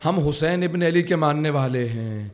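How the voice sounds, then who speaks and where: Male preacher doing a grieving mother, tender and urgent, raised pitch. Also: lightly acted. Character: grieving devout mother in a perilous era.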